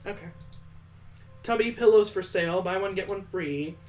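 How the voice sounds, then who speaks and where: Reading visual novel dialogue for a gaming video, this man is animated and playful, dropping in his own wisecracks. His voice rests high, he speaks at an ordinary speed, and gentle music plays behind him.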